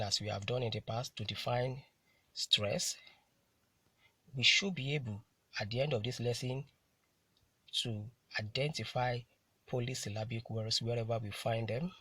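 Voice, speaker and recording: A man teaching an English pronunciation lesson, speaking deliberately, repeating key terms and asking rhetorical questions. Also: medium pitch, pushed and bright, slightly rough, no echo. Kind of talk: classroom lecture.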